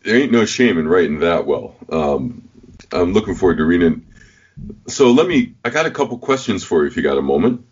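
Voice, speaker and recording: Very deep, animated male podcast host. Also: a little fast, husky, highs cut off. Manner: animated, chatty, laughs easily. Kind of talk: casual interview chat.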